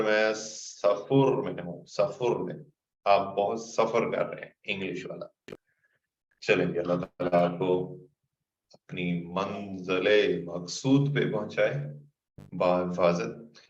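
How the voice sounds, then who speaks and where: A man teaching an online class, patiently reading out students' questions and answering them. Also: low-pitched. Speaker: instructor. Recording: muffled lo-fi recording, roomy echo.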